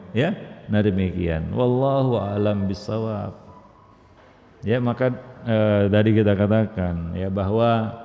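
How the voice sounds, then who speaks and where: A man's voice: fairly low pitch, creaky, mellow. A man giving a mosque lecture, asking his listeners rhetorical questions and often saying "ya, nah demikian". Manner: repeats filler "ya, nah demikian". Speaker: preacher. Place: mosque hall. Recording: echoey mosque hall, dull sound.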